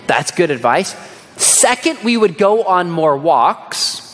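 A man preaching a sermon as a dramatic storyteller, who drops to a hush on key words. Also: sits high, very animated, slow. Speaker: pastor. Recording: echoey hall.

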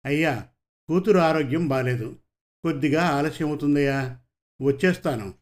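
A poor, unschooled farmhand and father speaks humbly and pleads with his master, as a male reader voices him. His voice is slightly high and plain, the way a storyteller does a simple village man. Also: normal speed, natural voice. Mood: pleading.

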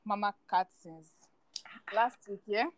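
Speaking a little slowly in a mid-range voice, this young Nigerian podcast co-host sounds sweet and soothing. Her casual chat wanders, full of fillers, and the recording is dry.

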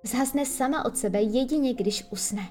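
A woman's voice: a little high, darkish tone, faint music behind, close to an everyday voice. A woman voicing Peter Pan, a boastful, moody boy who talks in a proud, matter-of-fact way.

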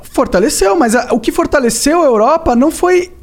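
A man's voice: very high-pitched, animated, a little fast. A man co-hosting a podcast, chatting casually, slangy and opinionated. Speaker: podcast co-host. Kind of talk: casual chat.

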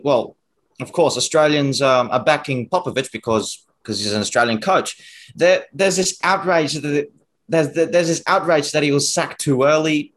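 A man's voice: a little high, fairly bright tone. A man discussing football in a casual panel chat, often restarting and repeating words.

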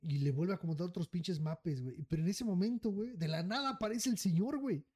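A man's voice: high-pitched, fast. Swearing Mexican man telling a story. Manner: profane, says "güey" after nearly every phrase; animated, acts out the people in his story. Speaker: podcast co-host. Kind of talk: casual storytelling.

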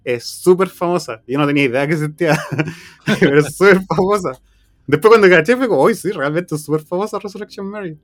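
A man in casual chat, retelling a story with animation and asking quick follow-up questions. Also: a little high.

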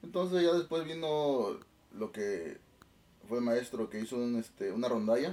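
A man in his twenties from Oaxaca with a Mexican Spanish accent, chatting relaxed and laughing in an interview about his music. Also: medium pitch, a little slow, distant mic. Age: 20s. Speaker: guest musician, band director. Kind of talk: casual interview chat.

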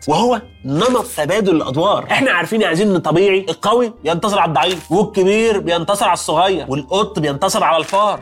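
Fast-talking husky Egyptian man. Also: high-pitched. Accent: Egyptian Arabic. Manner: playful, jokey, talks straight to the listener. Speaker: podcast host. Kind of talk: comedic scripted science explainer.

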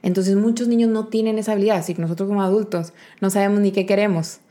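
A woman speaks as a guest child psychotherapist. Her voice is mellow and warm, at a middling pitch. She explains things calmly, with plenty of examples. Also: quick pace. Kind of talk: explanatory interview talk.

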